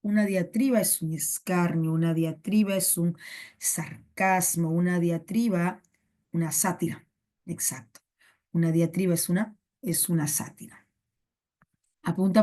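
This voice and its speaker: A woman's voice: lowish voice, mellow. A young adult woman teacher with a Peruvian Spanish accent giving a live online class, repeating words and synonyms over and over. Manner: repetitive, drills synonyms.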